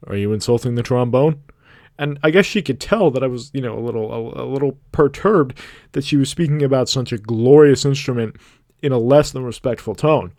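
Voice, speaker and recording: A man tells a long, rambling story with a deadpan drawl that jumps into loud emphasis now and then. His voice sits at an ordinary middle pitch, and the sound is dry and close, with no room around it. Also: no room sound. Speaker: fan voice actor dubbing an animation. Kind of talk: storytelling monologue dub.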